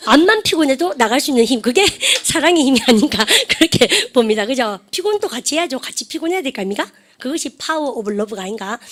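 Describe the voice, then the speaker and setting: A chatty woman English teacher with a slightly high voice runs a vocabulary class. She keeps prompting the class to repeat English phrases and often breaks into laughs.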